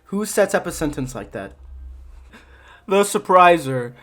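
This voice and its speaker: A man's voice: sits high, sing-song, unhurried, a bit bright. A young man, a video creator, reading aloud and reacting in casual commentary, laughing often, swearing and sounding exasperated.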